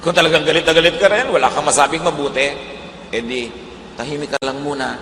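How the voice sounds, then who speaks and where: A man with a Filipino accent preaching a sermon in a lively way, going from soft lines to loud emphatic ones and acting out quoted speech. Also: fairly high pitch, fast, a little hiss or hum. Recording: roomy echo with long reverb, faint ambience.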